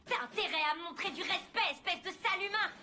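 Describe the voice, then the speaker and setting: A woman's voice: very high voice, expressive, fast talker, background noise. An actress playing an arrogant, bossy young demon girl in an anime dub, haughty and boastful. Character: arrogant, bossy young female demon who despises humans.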